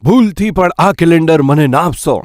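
A man's voice: a little high, animated, normal speed, no room sound, clean studio sound, natural voice. A man voicing a frightened adult friend in a sermon story, panicky and refusing. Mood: panicked.

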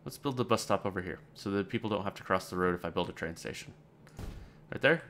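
Low-voiced man rambling through gameplay. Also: expressive, quick pace, fairly bright tone, a little hiss or hum. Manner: thinking aloud, casual and rambling; dry sarcastic asides. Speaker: let's play gamer. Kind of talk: let's play game commentary.

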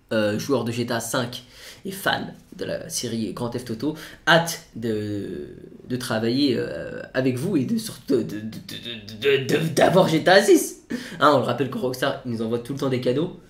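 Excitable gaming YouTuber man, roomy sound. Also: mid-range voice, moderate pace. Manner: excitable, repeats words over and over. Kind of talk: casual gaming news vlog. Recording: roomy echo.

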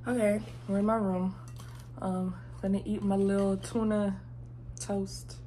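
A woman in her twenties talking casually to her phone camera in her bedroom. She is candid and slangy, and swings between hushed and loud. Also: medium pitch, little pitch movement, unhurried, a little hiss or hum. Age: 20s. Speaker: vlogger. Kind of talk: casual vlog chat to camera. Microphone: phone mic.

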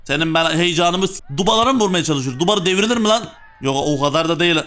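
A young man hosting a video game playthrough, chatting casually and excitedly with joking, playful slang. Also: sits high, quick pace. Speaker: gaming video host. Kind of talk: casual let's-play commentary.

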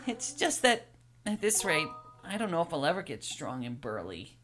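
A woman's voice: sits low, big pitch swings, moderate pace, fairly bright tone, soft background music. A woman reading out a video game's timid young man who is too weak to lift a barrel and is training to get stronger. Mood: excited. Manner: breathless, bashful, then bubbly and grateful. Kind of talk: reading video game dialogue aloud.

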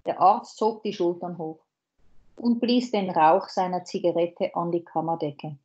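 A woman's voice: fairly low pitch, steady tone, a little mellow, husky, dull audio. A woman teacher with a Dutch accent reading a German novel aloud to a class and stopping to explain words. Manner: slow, pauses to explain words.

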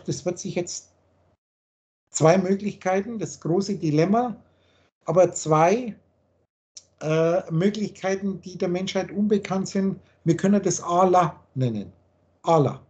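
A man's voice: high-pitched, warm tone. A man lecturing on a video call and explaining the meaning of words letter by letter, in the manner of a spiritual teacher. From Germany.

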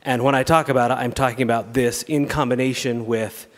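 Emphatic American senator, echoing chamber. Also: male voice, medium pitch, fairly even intonation, brisk. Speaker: state senator presenting a bill. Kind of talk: legislative floor speech. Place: large indoor legislative chamber. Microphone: podium gooseneck microphone. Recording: reverberant large chamber.

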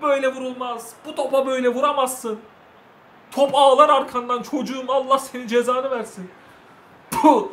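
A young man, a gaming channel host, calling his own football video game match in lively commentary, cheering his players on and shouting at their misses. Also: very high voice. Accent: Turkish. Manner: shouts in excitement, scolds the players, cheers them on.

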